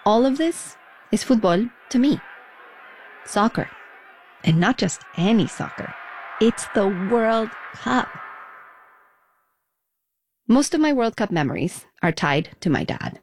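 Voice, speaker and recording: A woman's voice: a little high, big pitch swings, slow, long pauses, a little hiss or hum. A woman in her forties from Mexico, narrating a reflective personal radio feature with a nostalgic, storytelling manner.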